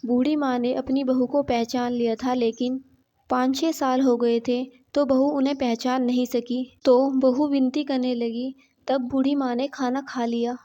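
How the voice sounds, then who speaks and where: A woman with a high, mellow voice narrates a devotional folk tale at an even, unhurried pitch. She voices each character in the same steady, plain manner. The recording sounds dull and lo-fi. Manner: plain, steady storytelling with quoted dialogue. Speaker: storyteller.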